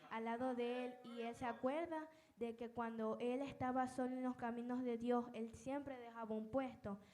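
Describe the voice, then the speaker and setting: Woman, lay preacher, testimony sermon, halting, many restarts, slightly high voice, mellow tone. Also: fairly even intonation, low-quality recording.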